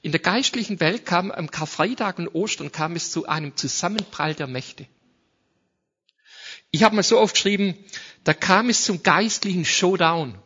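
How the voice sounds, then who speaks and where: High-voiced preacher, loud in scripture. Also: male voice, breathy edge. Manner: swings from soft to loud when reading scripture; speaks directly to the congregation. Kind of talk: sermon. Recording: dull lo-fi sound.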